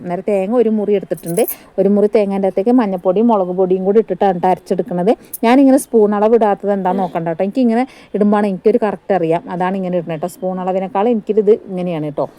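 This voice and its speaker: Malayali woman vlogging while she cooks, talks super fast, mellow voice, phone on a stand in the kitchen. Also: medium pitch. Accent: Malayali, Kerala. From India. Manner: chatty, homely, often tags "kettō". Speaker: family vlogger. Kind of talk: casual cooking vlog narration. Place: home kitchen. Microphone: phone front camera on a stand, some distance away.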